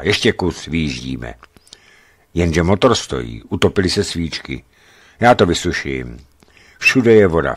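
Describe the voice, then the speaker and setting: A man reading a travel memoir aloud as scripted narration, lively, voicing the dialogue with a raised pitch. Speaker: reader. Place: studio.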